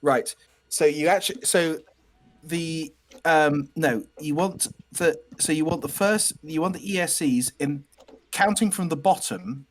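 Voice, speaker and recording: Man giving halting build instructions. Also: a little high. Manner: halting, restarts often while explaining. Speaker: robot builder guiding a teammate. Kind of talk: casual step-by-step instructions over a video call.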